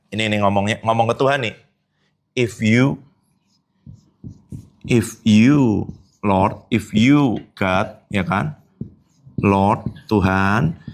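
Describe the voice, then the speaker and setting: A male pastor preaching a sermon, questioning the congregation and reading scripture aloud. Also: mid-range voice. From Indonesia. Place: church hall.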